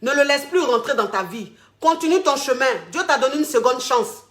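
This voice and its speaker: A woman's voice: high-pitched, animated, a little fast, fairly bright tone, roomy sound. A woman relationship coach on a call-in advice show, giving blunt, preachy advice and mocking insults. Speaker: relationship coach answering callers.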